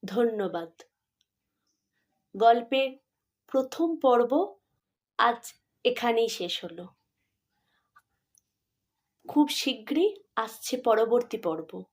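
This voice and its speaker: A woman narrating a Bengali audio story in a measured, scripted reading. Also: fairly high pitch, expressive.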